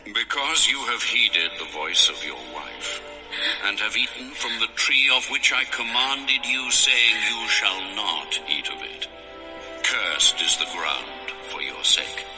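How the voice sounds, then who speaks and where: Deep, slow, stern voice of God. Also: male voice, animated, music in the background, poor audio. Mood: grave condemnation. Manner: solemn, slow, weighty pronouncements. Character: God, stern, commanding male deity passing judgment. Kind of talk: dramatized audio scripture acting.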